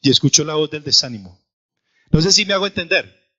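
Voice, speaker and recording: A man's voice: fairly high pitch, expressive, a little fast, pushed and bright. A man, a pastor preaching a sermon with an emphatic, repetitive cadence in church. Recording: dull lo-fi church recording.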